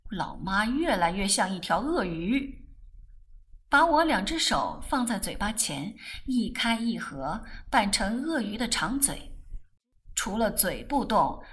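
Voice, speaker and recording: A woman narrating an audiobook novel in an expressive storytelling voice. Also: on the high side, unhurried.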